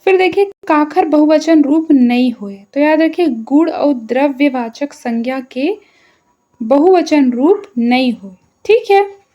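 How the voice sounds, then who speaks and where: A woman teacher giving an exam-prep language lesson, explaining slowly and repeating each term with a frequent "okay". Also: high-pitched, mellow. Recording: dull lo-fi audio.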